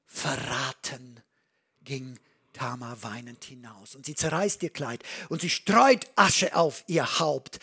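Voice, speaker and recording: A preacher giving a sermon, reading verses aloud and retelling the story with animated commentary. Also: medium pitch, breathy edge.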